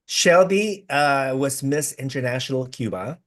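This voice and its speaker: A man's voice: mid-range voice, animated, a little slow. A man hosting a casual video-call interview, chatty and effusive, with many restarts. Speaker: host.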